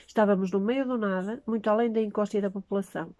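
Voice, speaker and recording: A woman reads a first-person story aloud in a mellow, warm voice. Her pace is steady, with a few slips and restarts. The sound is close and dry. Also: mid-range voice, quick pace, no echo. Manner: steady reading with small slips.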